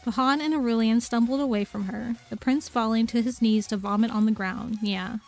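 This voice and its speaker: A woman's voice: a little high, steady tone, a little fast, gravelly, soft background music. A young woman streamer reading a novel aloud, tacking "yeah" onto nearly every sentence with giggly asides.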